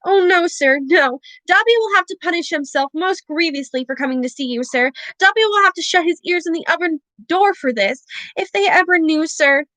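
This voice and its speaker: A woman voicing a small, earnest, servile male house elf with a high-pitched, tearful, overeager voice. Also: lively intonation, moderate pace, a bit bright, dry recording.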